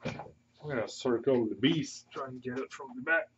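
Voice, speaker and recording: A man playing a tabletop game, speaking quietly and hesitantly with many pauses. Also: mid-range voice. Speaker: player. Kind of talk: casual tabletop game play. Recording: lo-fi table recording with hiss.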